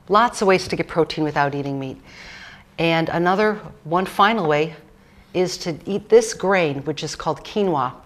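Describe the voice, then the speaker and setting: Low-voiced chatty woman cooking author. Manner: chatty, rambling, with fillers and jokes. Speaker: cookbook author guest. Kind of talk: casual cooking demonstration chat.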